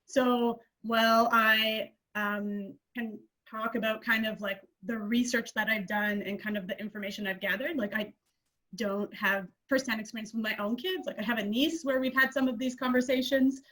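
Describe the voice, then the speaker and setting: A woman's voice: on the high side, steady tone, moderate pace, sharp tone, low-quality recording. A young woman on a video call speaking hesitantly, with many fillers. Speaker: panelist. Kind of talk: virtual panel discussion.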